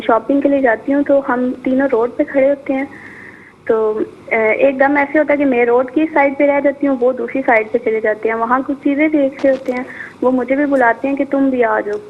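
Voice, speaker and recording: A woman phoning into a live show, her high voice thin and narrow as it comes down the phone line. She tells her dream at length, pausing on fillers as she goes. Light hiss lies under the call. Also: fairly even intonation. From Pakistan. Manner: long hesitant narration with fillers. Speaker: caller. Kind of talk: telling a dream over the phone.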